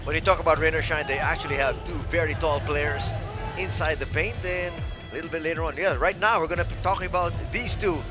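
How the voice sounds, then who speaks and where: A man's voice: on the high side, fairly even intonation, quick pace, over music. A man doing live play-by-play commentary for a basketball broadcast.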